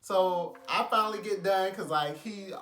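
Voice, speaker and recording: A man's voice: high voice, normal speed, a bit bright. A 21-year-old American man telling a story casually in a slangy, dramatic way, acting out what people said. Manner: slangy, dramatic, acts out quoted lines. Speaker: storytime vlogger. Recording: echoey room with music behind.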